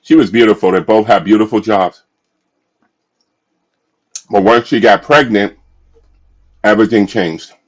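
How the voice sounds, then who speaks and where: A man telling a domestic violence story emphatically, repeating himself and pausing in halting bursts. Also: on the low side. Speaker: domestic violence awareness speaker. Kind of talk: impassioned spoken storytelling.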